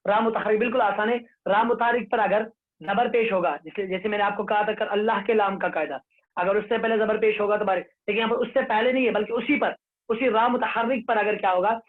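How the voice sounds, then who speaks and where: A man teaching an online Quran recitation class, slowly repeating rules and reciting examples for students to say after him. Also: sits high. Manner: slow, repetitive, drills rules and has students repeat. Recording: tinny phone-like online class audio.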